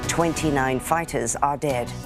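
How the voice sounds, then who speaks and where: A woman news anchor reading stories in a brisk, steady way. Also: a bass voice, over music.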